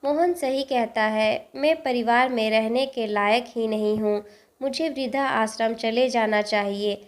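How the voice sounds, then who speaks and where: A woman's voice: on the high side, steady tone, measured pace, close to an everyday voice. A woman voicing a remorseful old grandmother.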